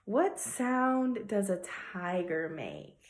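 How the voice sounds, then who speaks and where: A woman's voice: medium pitch, animated, drawn-out words. A woman teaching a children's circle-time lesson in a kindergarten teacher voice, giving simple prompts and encouragement to small children. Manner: acts out animal noises. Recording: echoey room.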